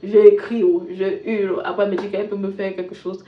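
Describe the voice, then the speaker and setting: A woman vlogger casually retelling a personal story, switching from loud bursts to soft asides. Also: mid-range voice, little pitch movement, a little fast. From Cameroon. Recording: echoey room, dull lo-fi sound with faint hiss.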